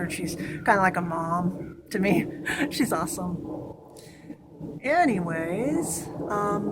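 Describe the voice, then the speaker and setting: A woman's voice: mid-range voice, noisy background. A young woman chatting casually in a home vlog, upbeat and rambling. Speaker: vlogger. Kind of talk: casual chat.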